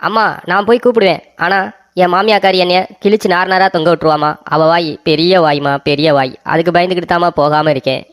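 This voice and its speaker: A woman's voice: fairly low pitch, fast talker, lightly acted. A woman voicing a young husband in a comic cartoon, pleading and repeating every line twice. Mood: anxious.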